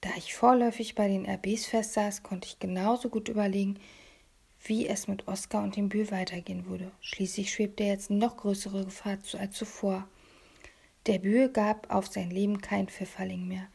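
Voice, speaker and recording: A woman reading a first-person audiobook in a hushed, confiding manner, often dropping to a half-whisper. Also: medium pitch, little pitch movement, normal speed, gravelly, breathy edge. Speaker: audiobook reader.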